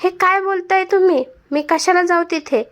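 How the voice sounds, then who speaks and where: A woman reading as a sharp-tongued discontented young wife. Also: high voice, steady tone, moderate pace. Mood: shocked. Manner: scornful, complaining.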